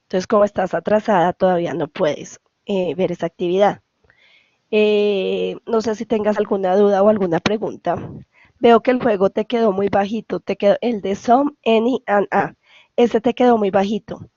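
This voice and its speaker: A woman's voice: medium pitch, steady tone, normal speed, warm tone, dry recording, lo-fi sound. A woman with a Colombian Spanish accent, an English tutor patiently explaining grammar over a video call and often checking for questions. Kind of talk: online class explanation.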